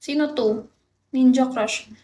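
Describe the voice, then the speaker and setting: A woman's voice: high-pitched, slow pace, warm tone. A young woman live-streaming, chatting casually with her viewers in a playful, teasing way and laughing often. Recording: echoey room with faint noise.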